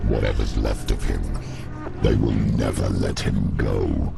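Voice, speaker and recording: An actor playing a menacing, cruel demonic shadow with a guttural growl in a video game. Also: male voice, rumbling low, steady tone, a little slow, gravelly, exaggerated voice. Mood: cold menace. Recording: loud music under the voice.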